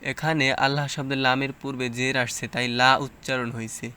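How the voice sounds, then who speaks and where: A man's voice: mid-range voice, steady tone, sharp tone, clean tone. A man teaching Quran recitation rules, explaining each rule plainly and asking and answering his own questions. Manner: explains rules plainly, then recites verses slowly and drawn out. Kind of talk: tajweed lesson, explaining and reciting.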